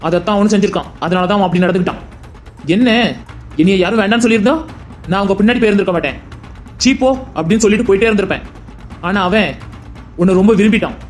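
A stern older brother in a family cartoon, played by a man lectures his sister with one rhetorical question after another. His voice sits high for a man and the words come quickly. Faint music plays beneath him. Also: lightly acted. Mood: lecturing. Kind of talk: cartoon voice acting.

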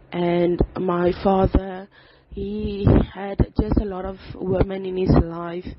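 A person recording a voice note on a phone, praying and then telling their life story in an earnest, halting way with pauses and fillers. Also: medium pitch. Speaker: person giving a testimony. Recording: slightly dull voice note with faint background noise.

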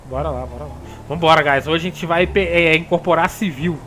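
A man's voice: fairly high pitch, a little fast, a bit bright, slight background noise. A man with a Brazilian Portuguese accent joking and egging the others on in an online roleplay. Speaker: roleplay player. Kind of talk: in-game roleplay chat.

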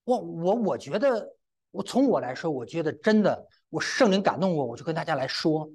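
A middle-aged male preacher giving a testimony-filled sermon, his voice rising and falling with lively, expressive intonation. He keeps breaking in with exclamations and turns to speak straight to the congregation. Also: on the high side, moderate pace, slightly rough. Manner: exclamatory, often breaks in with "wa", addresses the congregation directly.

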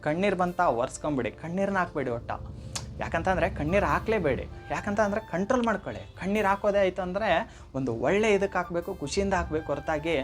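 A man giving an earnest motivational talk straight to his listeners, stressing and repeating his key phrases. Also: a little high. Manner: earnest, direct address to listeners. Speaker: motivational speaker. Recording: faint background music.

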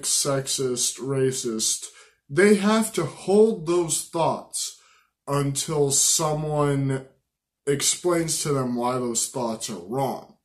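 A young man giving an unscripted opinion rant to camera, slightly drunk, halting and stumbling over his words. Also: mid-range voice. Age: young adult. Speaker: vlogger. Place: small room indoors at home.

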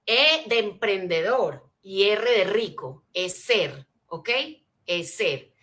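Woman doing a motivational seminar, bright ringing voice, keeps asking "right?" to check in, walks through acronyms like a teacher. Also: medium pitch, slow. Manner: energetic teacher, frequent rhetorical check-ins; spells out acronyms, asks listeners to take notes. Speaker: motivational speaker.

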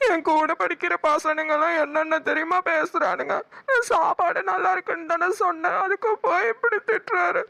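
A woman's voice: very high-pitched, fairly even intonation, moderate pace, creaky, few pauses, pushed and bright, full character voice. A woman voicing a sulky, hungry schoolboy son with a Kanyakumari Tamil accent and a whiny way of talking.

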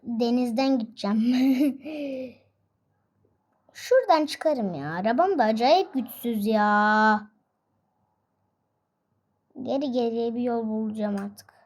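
Excitable high-pitched woman narrating gameplay. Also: slow, long pauses. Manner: chatty and excitable, frequent exclamations and laughs. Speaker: gaming video host. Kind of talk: casual gameplay commentary.

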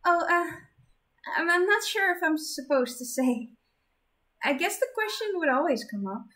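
A woman's voice: very high voice, lively intonation, moderate pace, sharp tone, pitched above the performer's own voice, full character voice. A woman voicing a shy, flustered young female angel who stammers nervously.

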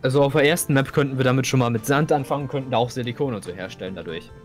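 In this casual gaming chat, a young man co-playing with a friend fires off his thoughts rapidly, often repeating words as he gropes for what to say. His pitch is medium, and soft music plays behind him.

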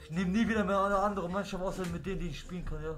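A man's voice: high-pitched, fairly even intonation, rapid-fire, over music. A man playing a football video game on stream, complaining and cursing as he loses. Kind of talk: casual gaming stream banter.

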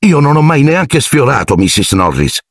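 A man's voice: medium pitch, big pitch swings, a little fast, no room sound, studio quality, pitched above the performer's own voice. A man voicing young schoolboy Harry. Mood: anxious defensive. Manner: defensive, anxious. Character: nervous twelve-year-old schoolboy wizard.

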